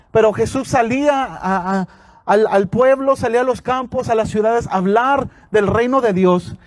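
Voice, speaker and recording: A man's voice: sits high, no room sound. A man preaching a sermon outdoors, reading scripture aloud and earnestly calling his listeners brothers. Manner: earnest, calls listeners "hermanos", frequent amén.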